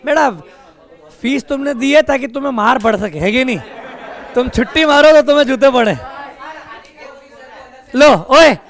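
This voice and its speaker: High-voiced teacher teasing his class. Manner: teasing, scolding students between explanations. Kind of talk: classroom lecture with banter. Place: classroom with students. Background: students' chatter.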